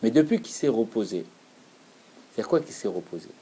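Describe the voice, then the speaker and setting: A man's voice: fairly low pitch, very animated, moderate pace, dark tone, rough recording. A man giving an earnest, explanatory Torah lesson, repeating key phrases for emphasis. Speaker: Torah teacher.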